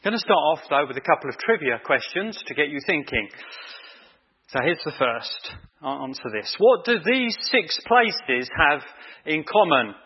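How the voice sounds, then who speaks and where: Male preacher, conversational sermon, husky tone, muffled lo-fi church recording. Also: a little high, very animated, moderate pace. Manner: chatty, quizzes the congregation. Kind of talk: evening sermon.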